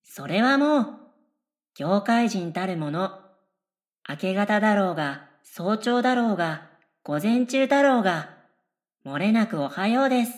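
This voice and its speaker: Speaking at a medium pitch, a woman voices an airy, chatty middle school girl in a radio drama, lightly acted and expressive. She is polite and blithely confident, tossing out non sequiturs in an unhurried way with long pauses.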